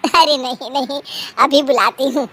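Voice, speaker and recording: A woman voicing a middle-aged mother-in-law who is kind but quickly annoyed and scolds often, for a cartoon story. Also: high-pitched, fairly bright tone, slightly rough, voice pushed down, heavily acted. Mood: scolding. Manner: scolding, exclamatory.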